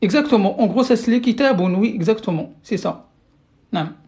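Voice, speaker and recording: A medium-pitched voice with lively intonation, a dark tone, and normal speed teaches a language lesson over a live stream. The teacher patiently explains each step, checks in with viewers, and often restarts and repeats words. The sound is roomy, recorded at a distance from the mic.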